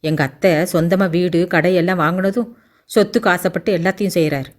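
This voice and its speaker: A woman voicing a sharp-tongued, quick-tempered 18-year-old village girl in a Tamil audiobook. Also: fairly low pitch, lightly acted. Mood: aggrieved. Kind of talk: audiobook character voice.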